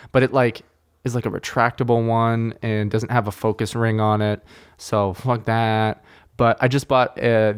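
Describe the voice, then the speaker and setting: A man hosts his podcast solo, talking loosely and cheerfully with plenty of swearing. His voice sits at an ordinary middle pitch. He speaks indoors into a podcast microphone. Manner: rambling, profane, upbeat. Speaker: podcast host. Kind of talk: casual solo podcast chat. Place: indoor room.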